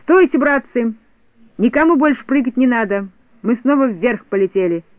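A man voicing a boastful, panicky little boy who shouts excitably. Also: very high-pitched, normal speed, no echo, phone-quality sound. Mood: alarmed.

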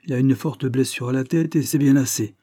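A man's voice: mid-range voice, brisk, mellow, slightly rough, dry recording, clean studio sound, voice pushed up, natural voice. A man reading an audiobook, voicing a composed, aloof aristocrat. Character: haughty good-humoured male aristocrat.

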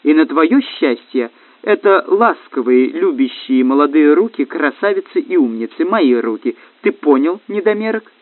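A man's voice: a little high, expressive, moderate pace, few pauses, dry recording, close to an everyday voice. A man playing a cold scheming woman. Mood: cold commanding. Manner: crisp, cutting, mocking. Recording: tinny phone-like, dry.

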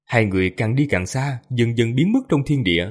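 Lively, slightly husky male narrator. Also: medium pitch, fairly quick. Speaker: audiobook narrator. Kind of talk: storytelling narration.

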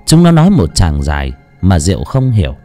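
Expressive man narrating a horror story. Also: low-pitched, a little fast, faint music behind. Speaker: audiobook narrator.

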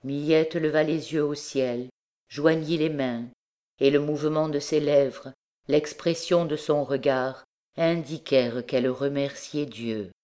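A woman reading a classic novel aloud as an audiobook, in a measured, dramatic way. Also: low voice, steady tone, warm tone. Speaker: audiobook reader. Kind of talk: scripted narration of a classic novel.

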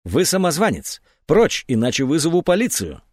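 Guy doing a snappy woman shrink, pitched way up, dry sound. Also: huge pitch swings, moderate pace, no room sound. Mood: furious. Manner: sharp, indignant. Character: angry middle-aged woman psychiatrist.

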